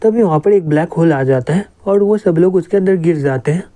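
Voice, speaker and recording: A man narrating a comic story with a steady, plain retelling. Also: on the high side, a little fast. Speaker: manga explainer narrator.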